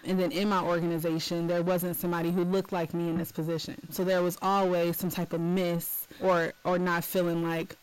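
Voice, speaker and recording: Woman, young adult, podcast guest, measured, explanatory, low flat voice. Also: smooth, dry recording, poor audio. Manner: measured, explanatory, laughs lightly. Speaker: guest, university staff member. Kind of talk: conversational interview. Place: university audio studio.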